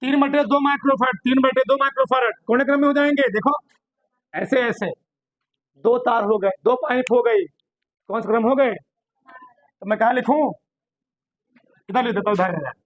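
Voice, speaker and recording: A man a very high voice teaches physics in a classroom. He keeps asking his students questions and gently scolds them as he works. The sound is dry and close, no room echo. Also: moderate pace, long pauses. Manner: drills students with repeated questions, scolds lightly. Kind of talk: classroom lesson solving problems on a board.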